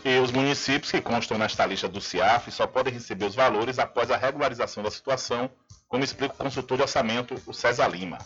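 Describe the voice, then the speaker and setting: A male radio news presenter with a bright, forceful voice. He reads a script over faint music, on slightly dull audio. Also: mid-range voice, fast talker.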